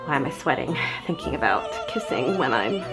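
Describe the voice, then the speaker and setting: A woman's voice: low voice, huge pitch swings, moderate pace. Embarrassed young woman with music behind her. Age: young adult. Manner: embarrassed, self-mocking while reading aloud; casual, sweary. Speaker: vlogger. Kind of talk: casual chat and reading aloud from own diary. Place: small bedroom indoors.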